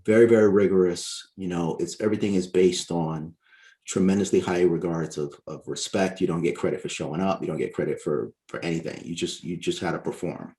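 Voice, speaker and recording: A man with a very low, deep voice lays out his points in a measured, explanatory way, often tagging "right?" onto his sentences. He is from Barbados and speaks as a guest author on a podcast interview. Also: fairly even intonation, warm tone.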